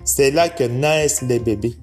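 A man's voice: medium pitch, a little slow, darkish tone, faint music behind, natural voice. A man doing a frail old female dinosaur. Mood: wistful. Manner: plaintive, moaning.

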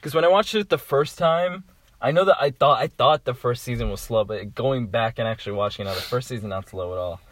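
A young man chatting casually about TV shows, animated and often trailing off mid-thought. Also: medium pitch, a little fast, slight background noise.

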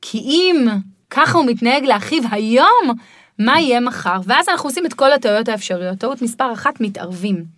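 A middle-aged woman guiding parents in a podcast conversation, explaining in a lively way and sometimes mimicking children's voices. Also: fairly high pitch, no room sound, clean studio sound. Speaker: parenting guide.

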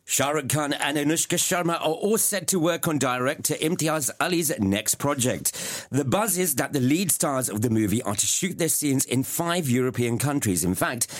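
A man's voice: on the high side, expressive, moderate pace, hardly any pauses. A man co-hosting a radio show, steadily reading entertainment news and chatting with a guest.

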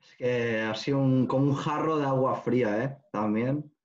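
Man, mid-pitched voice, casual host, swears often, dull lo-fi recording. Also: normal speed. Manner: relaxed, swears casually, hesitant restarts. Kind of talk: casual chat. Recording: dull lo-fi sound.

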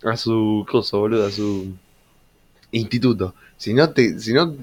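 A man's voice: lowish voice, a little slow. A man with an Argentine accent telling school stories in a casual chat as co-host, laughing often and swearing freely. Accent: Argentine Rioplatense Spanish. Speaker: podcast co-host.

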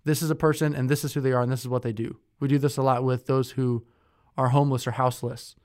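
A young man co-hosts a podcast, chatting casually and full of fillers, restarts, and self-corrections. His mid-range voice stays fairly flat in pitch, runs fast, and sounds a little mellow, recorded in clean studio quality with no echo.

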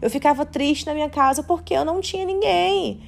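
This Brazilian woman, in her late twenties, hosts a podcast and delivers a candid, confessional monologue centered on faith, using casual slang. She speaks briskly in a high, creaky voice.

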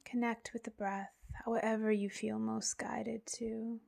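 In the manner of a sleep story narrator, a woman talks listeners through a gentle meditation. She speaks at a very slow, steady pace with minimal pitch variation, her breathy, soft voice often sinking into near-whisper and soft creak amid lengthy pauses.

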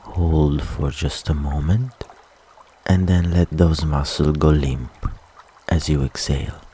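A man with an extremely low, mellow, steady voice guides a relaxation meditation, speaking soothingly and very slowly with long pauses between instructions. A faint trickle of water runs in the background, along with a slight hiss or hum.

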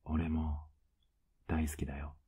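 A man playing a husky, very deep doting boyfriend. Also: little pitch movement, takes it slowly, heavily acted. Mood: teasing tender. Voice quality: husky whisper. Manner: teasing, soft-spoken, coaxing. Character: teasing, doting older male boyfriend. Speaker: voice actor. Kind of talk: whispered role-play.

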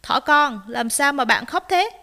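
Woman reader as a proud storybook rooster, bright, high, crowing loud. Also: animated, unhurried, heavily acted. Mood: confident. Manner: crowing, sing-song, declaiming. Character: proud brave male rooster, bold and loud.

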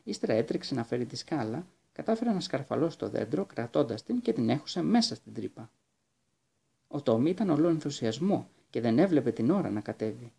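Husky, gravelly male storyteller. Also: mid-range voice. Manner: lively, expressive storytelling. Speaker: narrator. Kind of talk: audiobook reading of a children's book.

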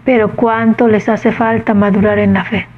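A woman's voice: medium pitch, flat delivery, moderate pace, phone-quality sound, a little hiss or hum. A woman giving a conversational Gospel reflection, often asking her listeners questions. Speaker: preacher.

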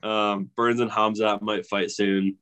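A man's voice: on the low side, flat delivery, unhurried, a bit bright, smooth. A man co-hosting a casual sports betting chat, talking loosely with lots of fillers, his voice coming through a muffled, gurgly phone line that sounds underwater. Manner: slangy, filler-heavy, lots of "like" and "bro". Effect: muffled, gurgly phone audio that sounds underwater. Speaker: podcast co-host.

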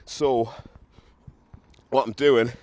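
A hungover young podcaster, still a bit drunk from a run, walks a street talking to a handheld camera, swearing freely, blunt and self-mocking. His mid-range voice is steady, a little mellow and extremely slow, with no room sound. Around him, traffic makes the recording noisy.

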